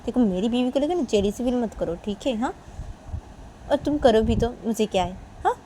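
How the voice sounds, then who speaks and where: A woman's voice: fairly high pitch, lively intonation, normal speed, warm tone, a little hiss or hum, lightly acted. A woman voicing a smug married young woman who taunts the other and keeps asking "haan?". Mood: taunting. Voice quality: taunting, ends lines with "haan?".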